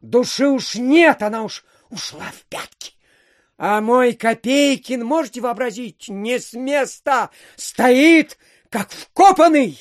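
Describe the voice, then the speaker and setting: This actor gives a full character voice, very high and animated, taken slowly, as a garrulous provincial official rambling through stories with filler phrases. It's a theatrical radio-play audiobook recorded at studio quality with no echo.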